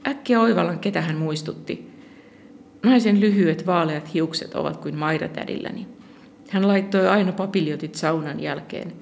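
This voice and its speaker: A narrator reading a first-person short story in a calm, steady storytelling manner. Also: medium pitch, gravelly, slight background noise.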